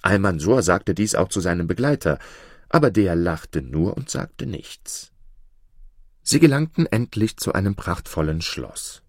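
Low-voiced man reading a fairy tale. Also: no echo, clean studio sound. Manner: expressive, measured storytelling. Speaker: narrator. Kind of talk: storybook reading.

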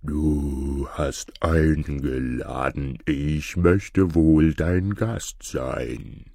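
A man voicing a large, calm red ox in a deep, very slow, drawn-out voice for a fairy tale. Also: creaky, no room sound, studio quality, heavily acted.

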